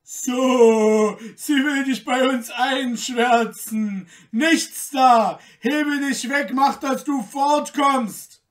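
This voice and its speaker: A man voicing a band of gruff old gate guards who shout, scold and mock, recorded a little off the mic. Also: extremely high pitch, measured pace, recorded from a distance, pitched above the performer's own voice. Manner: loud, scolding, mocking.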